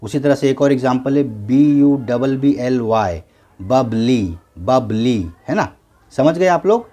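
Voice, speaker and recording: A man's voice: medium pitch, moderate pace, warm tone. A man teaching a beginners' English lesson, patiently spelling words out letter by letter and repeating each word twice.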